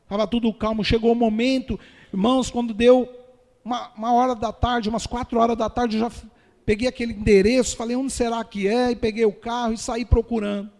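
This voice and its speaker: A man's voice: extremely high pitch, flat delivery, a little fast, darkish tone. A pastor, telling his personal testimony to a church congregation in an earnest storytelling manner and often calling them brothers. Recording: long reverb of a hall.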